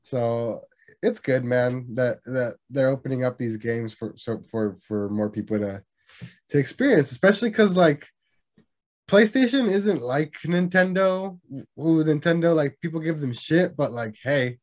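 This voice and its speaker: A man's voice: mid-range voice, expressive, measured pace, darkish tone. A young man co-hosting a casual gaming chat, rambling and swearing freely. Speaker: podcast co-host.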